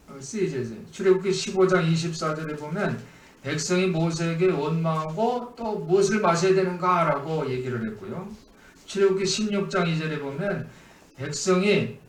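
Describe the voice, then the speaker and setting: Pastor preaching in an echoey church. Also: male voice, sits high, distant mic. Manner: teaching with questions to the congregation. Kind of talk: sermon. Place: church sanctuary.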